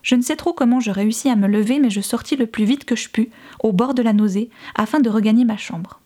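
A woman reading a novel aloud in a soft, measured and often hushed voice. Her tone is mellow and warm, pitched a little high. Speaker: audiobook reader. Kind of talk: scripted narration.

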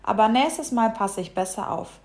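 A woman's voice: a little high, normal speed, close to an everyday voice. A woman doing an eager playful puppy. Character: young, playful, excitable male dog. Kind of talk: storybook reading.

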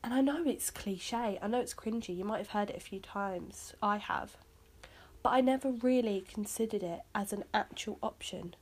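A woman's voice: mid-range voice, normal speed, breathy edge. A woman hosting her own podcast, chatting casually and rambling with lots of fillers. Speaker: podcast host. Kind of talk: casual solo podcast chat.

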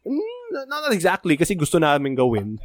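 Playful young podcast host. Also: male voice, fairly high pitch, wildly swooping pitch, brisk, dry recording, clean studio sound. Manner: joking and playful, addresses listeners directly. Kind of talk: casual chat mixing Tagalog and English.

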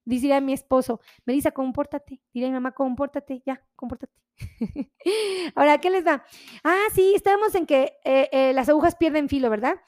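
A woman's voice: high voice, expressive, brisk, darkish tone, dry recording, clean studio sound. A woman doctor, explaining health topics to viewers in a chatty, friendly way with many fillers.

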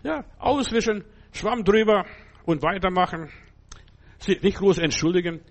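A man's voice: high voice, a little slow. An older man preaching a sermon in a conversational, emphatic way, often asking his listeners whether they understand.

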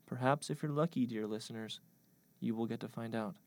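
A man narrating a mock-historical comic tale in a deadpan, mock-grand manner. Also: medium pitch, fairly quick, no room sound.

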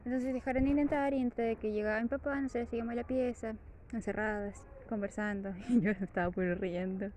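Chilean woman, casual storytelling, frequent laughter, slightly high voice, faint background noise. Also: fairly quick. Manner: laughs often while telling; lively, chatty. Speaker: vlogger.

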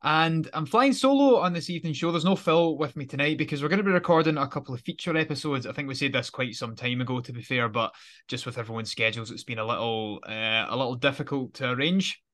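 British guy hosting a footy podcast, bright clear-cut tone, chatty and rambly. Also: medium pitch, fast. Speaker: podcast host. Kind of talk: casual football podcast chat.

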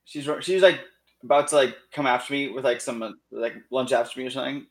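A man of middle pitch plays in a tabletop game. He describes what his character does in a halting way, stopping often to search for words. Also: fairly even intonation. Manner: hesitant, full of "like" fillers. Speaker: player. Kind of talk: casual tabletop game play.

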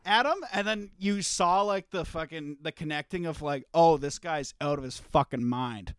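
A man's voice: on the high side, normal speed, smooth, dry recording, clean studio sound. A young man co-hosting a podcast, telling stories in loose, profane casual chat and laughing often. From Canada. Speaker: podcast co-host.

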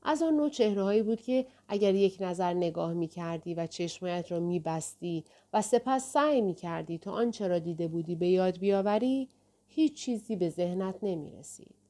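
Mellow-voiced woman reading a novel aloud. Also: on the low side, lively intonation. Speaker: audiobook narrator. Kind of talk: scripted narration.

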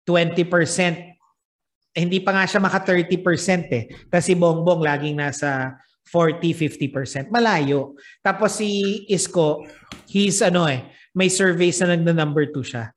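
A man's voice: on the high side, normal speed. A man with a Filipino accent hosting a casual podcast chat, talking loosely and laughing often. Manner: chatty, laughs often, mixes English into Filipino. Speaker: podcast host.

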